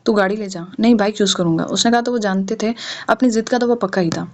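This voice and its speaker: A woman's voice: mid-range voice, quick pace. Woman reading an audio novel aloud. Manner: reads all characters' dialogue in her own voice. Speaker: narrator.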